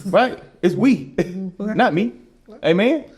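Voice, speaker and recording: A man's voice: sits high, animated, slow, darkish tone, breathy edge. A man co-hosting a podcast in a studio, chatting casually, laughing and repeating "man" and "bro". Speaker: podcast co-host. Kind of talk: casual chat.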